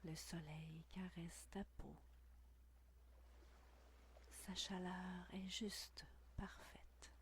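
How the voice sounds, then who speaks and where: A woman whispering a guided meditation intimately, right by the ear, in a breathy, soothing, unhurried voice with long pauses. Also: fairly low pitch, fairly even intonation, slight background noise. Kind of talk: guided meditation, scripted narration.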